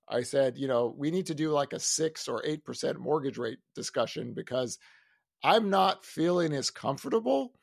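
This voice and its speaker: A man, a lead analyst, talking in a casual podcast chat, animated and exasperated, with loud ranting outbursts. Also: on the high side, creaky, dry recording.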